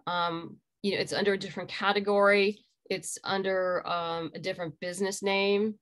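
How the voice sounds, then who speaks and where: A middle-aged woman who creates graphic novels explains things conversationally as an interview guest, speaking over a video call from a room at home into her computer mic. Her voice is medium-pitched and fairly bright, with little pitch movement, at a normal speed.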